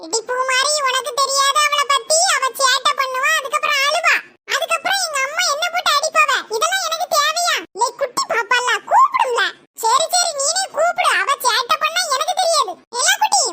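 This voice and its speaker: Shrill squabbling cartoon kids. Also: sharp tone, full character voice. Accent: Tirunelveli-Kanyakumari Tamil. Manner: shrill, squabbling, teasing banter. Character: bickering small village kids, boy and girls. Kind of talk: cartoon voice acting. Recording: noisy cartoon audio.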